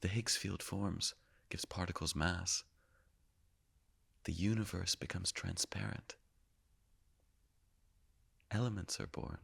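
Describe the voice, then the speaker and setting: A man playing a gravelly, deep-voiced particle narrator. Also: full character voice. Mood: hushed awe. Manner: measured storytelling that drops often into hushed whispers. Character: the Higgs boson, a calm all-knowing male narrator. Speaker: actor performing a stage monologue. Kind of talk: theatrical monologue.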